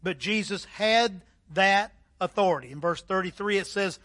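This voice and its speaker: Middle-aged male preacher, high ringing tone, emphatic sermon delivery with dramatic pauses. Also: a bit bright. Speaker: pastor.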